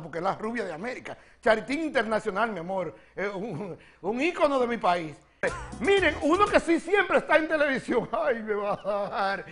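A flamboyant, gossip-loving country woman, voiced by a man in a Dominican TV comedy sketch, speaking with a Dominican accent. The voice sits very high. She giggles through her gossip and calls everyone "mi amor". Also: fairly bright tone, full character voice. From Dominican Republic.

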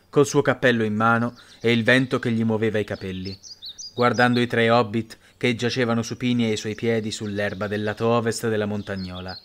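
A man reading a fantasy story aloud in measured, expressive audiobook narration. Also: mid-range voice, a little hiss or hum.

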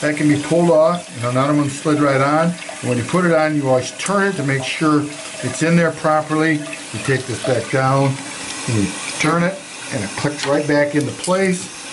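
Older plumber, plain-spoken and halting. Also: male voice, on the high side, noisy background. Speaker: master plumber. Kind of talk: casual how-to demonstration. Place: home bathroom.

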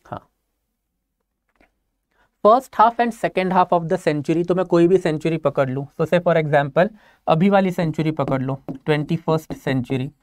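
A man's voice: a little high, darkish tone, no echo, studio quality. A man teaching an online exam-prep lecture, explaining step by step and often checking that students follow. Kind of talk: online lecture mixing Hindi and English.

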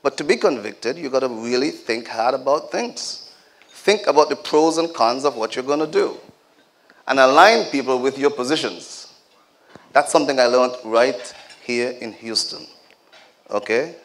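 A man's voice: mid-range voice, lively intonation, normal speed, a bit bright. A man addressing a community celebration as a former leader of the group. He speaks straight to the audience with humorous asides. His exhortations fall into a preacher-like cadence. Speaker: community leader giving a speech.

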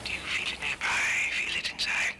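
A man's voice: unhurried, pushed and bright, reverberant, recorded from a distance, slight background noise. An actor voicing a creepy, taunting male voice that whispers ominous lines in a horror game. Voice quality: gravelly whisper.

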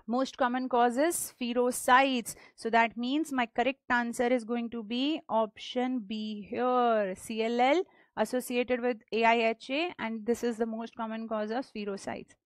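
Woman, North Indian accent, high voice, emphatic lecturer, bilingual code-switching, question-and-answer teaching style, dry studio sound. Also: clear, resonant tone, no room sound. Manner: emphatic, repeats key points, asks and answers own questions. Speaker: pathology teacher. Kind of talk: exam question lecture mixing English and Hindi.

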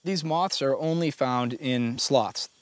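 A man's voice: medium pitch, slow pace. A male researcher explaining things plainly in an interview out in the field. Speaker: research scientist. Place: outdoors in rainforest.

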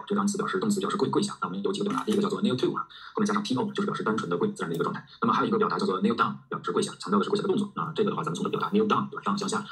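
Fast, bright-voiced male vocabulary teacher. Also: sits low. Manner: explains words and spells them out letter by letter. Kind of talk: recorded vocabulary lesson.

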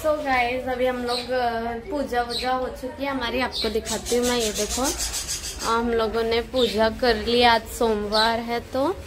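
A woman's voice: on the high side, fairly even intonation. A woman vlogging for her channel, showing things to the camera as she goes. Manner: unhurried, shows things to the camera. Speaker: family vlogger. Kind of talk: casual vlog narration.

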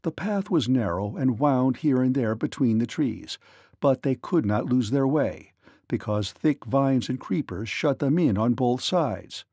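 A man narrating a children's read-along storybook in an expressive, lilting manner. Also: medium pitch, unhurried, slightly rough, dry recording, studio quality.

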